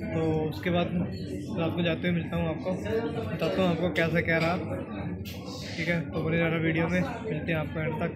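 A young man with a Haryanvi accent talks informally to his phone camera, calling his viewers "guys". His voice sits a little high in pitch and stays fairly flat in melody. Loud music plays under him throughout. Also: brisk, long pauses. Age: young adult. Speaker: vlogger. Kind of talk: casual vlog narration to camera. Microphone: phone selfie camera at arm's length.

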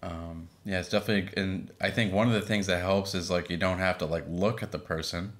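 A man from Boston in his thirties, co-hosting a casual podcast with his wife, relaxed and full of fillers. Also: deep voice, fairly quick. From Boston, Massachusetts. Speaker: podcast co-host. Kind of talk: casual chat.

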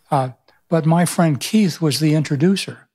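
A pastor and author in his seventies, appearing as a guest, speaks in a slightly husky, touch-high voice that's unhurried and a little mellow. His interview is reflective: he tells stories thoughtfully, frequently starting sentences over. A boom-arm studio microphone captures him in a small indoor room.

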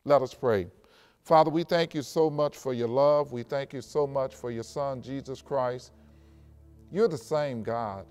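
An older pastor preaching a sermon at a pulpit in an empty church, slowing down to stress scripture and speaking straight to his congregation. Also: mid-range voice, a little mellow, smooth, soft background music. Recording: long church reverb.

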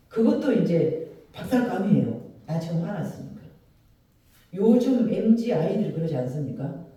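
Male pastor, high mellow voice, preaching emphatically from a distant mic. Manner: emphatic, colloquial preaching with rhetorical questions. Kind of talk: sermon. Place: church worship hall. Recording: echoey hall from far off.

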